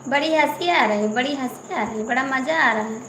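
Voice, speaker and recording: Female live-stream host, high voice, teasing and pleading, echoey room, clear insect noise behind. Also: brisk, a bit bright. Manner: pleading, teasing, repeats herself. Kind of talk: casual live-stream chat reading comments.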